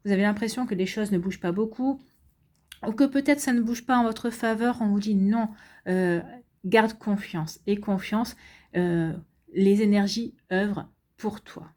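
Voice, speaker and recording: A woman reads tarot for her viewers in an unhurried, reassuring way. Her voice is warm and mellow, with frequent pauses and restarts, and she sounds tired. Her pitch is neither high nor low for a woman. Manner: gentle, reassuring, many fillers and restarts. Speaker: tarot reader. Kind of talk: casual tarot reading for viewers.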